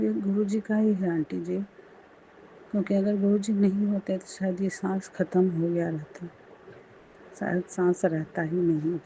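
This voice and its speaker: A woman shares a devotional testimony for the first time, speaking slowly and earnestly, then softly chanting a prayer. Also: medium pitch, slight background noise, low-quality recording. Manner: slow, earnest, ending in soft chanting.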